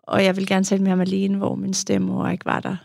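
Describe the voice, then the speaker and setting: Young woman guest, frank and reflective, very gravelly voice, dry close sound. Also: medium pitch, completely flat delivery, a little mellow, no room sound. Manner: frank, reflective, with frequent fillers. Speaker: guest, adult child of an alcoholic; youth therapist. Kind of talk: candid conversational storytelling.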